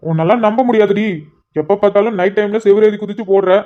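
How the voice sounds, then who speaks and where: A woman's voice: medium pitch, natural voice. A woman voicing a sarcastic young married man who teases his friend with exasperated banter in a cartoon. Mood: teasing. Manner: mocking, exasperated, quick banter. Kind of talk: cartoon voice acting. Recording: slightly muffled lo-fi audio.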